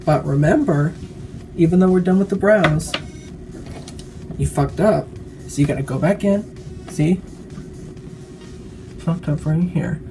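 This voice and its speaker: A woman's voice: sits low, takes it slowly, pauses often, over music. A woman giving a casual, chatty makeup tutorial while tipsy, rambling drunkenly and swearing freely.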